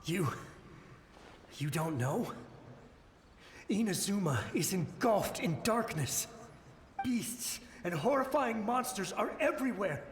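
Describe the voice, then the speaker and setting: High-voiced desperate samurai soldier, echoing. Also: male voice, expressive, slow pace, pauses often, slight background noise, full character voice. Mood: frantic, fearful. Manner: urgent, pleading, breathless dramatic delivery. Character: desperate ghostly samurai soldier, male, frightened yet devoted. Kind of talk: video game voice acting.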